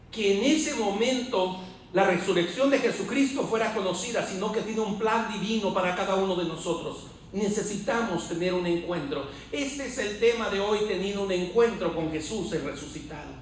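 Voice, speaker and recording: High-voiced man preaching fervently in an echoey hall. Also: normal speed, slight background noise. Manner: fervent preaching that rises to shouts. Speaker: pastor. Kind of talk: sermon. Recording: very echoey church hall, mic far off.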